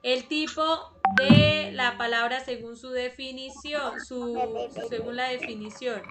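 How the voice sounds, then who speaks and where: A woman teaching an online class over a video call, repeating words slowly and clearly. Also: high voice, steady tone, over loud music. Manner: slow, repeats words syllable by syllable.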